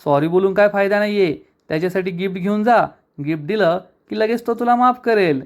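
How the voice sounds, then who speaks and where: A sharp-tongued college friend in a serial recap, blunt and scornful, voiced by a male narrator. She sounds high and brisk. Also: close to an everyday voice.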